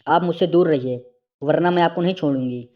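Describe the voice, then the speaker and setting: A man voicing a frightened young woman who pleads and shouts for help, in a storybook reading. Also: a little high, brisk, dull audio, close to an everyday voice. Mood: scared defiant.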